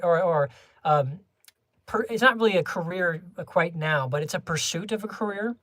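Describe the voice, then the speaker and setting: Rambling with lots of restarts and little laughs, this young adult streamer keeps things low-key and homebody-ish while chatting with viewers. The sound is a bit bright and dry.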